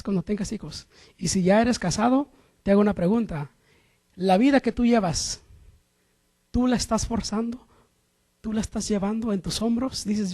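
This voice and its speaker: A middle-aged man preaching a sermon, asking the congregation questions and swinging between loud emphatic lines and quiet low asides.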